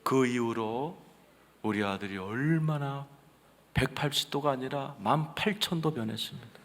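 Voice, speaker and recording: A man preaching a sermon as senior pastor, telling a story with sudden swings between loud outbursts and hushed asides. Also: medium pitch, measured pace. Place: large church sanctuary. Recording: reverberant church hall.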